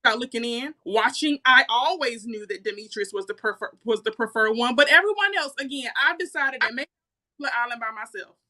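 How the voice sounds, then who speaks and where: Bright-voiced woman pushing back in chat. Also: a little high, a little fast. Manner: questioning, pushes back. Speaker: podcast co-host. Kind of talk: casual debate chat.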